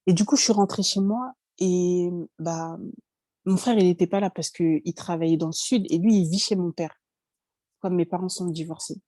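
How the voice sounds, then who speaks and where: A woman's voice: lowish voice, normal speed, warm tone, no room sound. A woman in her twenties giving a hesitant, emotional personal testimony, often apologizing and restarting.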